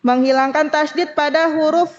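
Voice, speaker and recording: A woman teaching Quran recitation to a study group, slowly demonstrating sounds and asking the class to repeat after her. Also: high voice, fairly even intonation, in a large hall, dull audio. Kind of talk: women's study group lesson.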